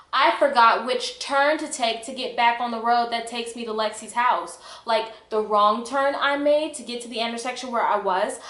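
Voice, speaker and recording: With a fairly high, bright and forceful voice, a young woman animatedly recounts a personal story to camera, vlog-style, full of drama, emphasis and self-mockery. The recording sounds echoey and roomy.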